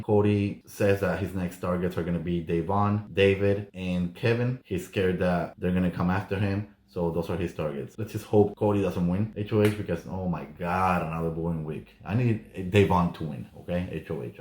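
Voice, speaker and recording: A man's voice: sits low, a little mellow. A man giving a casual, chatty recap commentary as a host, often exclaiming and acting out what others said. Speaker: reality show recap host. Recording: echoey room.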